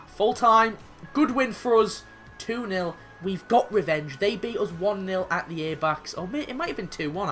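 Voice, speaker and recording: A young man commentating his own football video game match, excitable and swearing, with sudden shouts when goals go in. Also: high voice. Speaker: gaming YouTuber.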